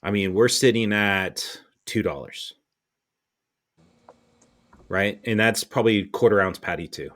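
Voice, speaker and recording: A man's voice: fairly low pitch, measured pace, long pauses, a bit bright. A man in casual, opinionated conversation, ranting bluntly with exasperation and some swearing.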